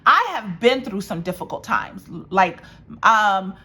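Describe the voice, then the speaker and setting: Speaking from her home dining room beside a windy patio, a woman in her forties from Washington, D.C. gives casual market talk straight to camera as a realtor. Her mid-range voice is bright and forceful with a breathy edge and measured pace. She hammers her points, repeating phrases and addressing viewers as "guys."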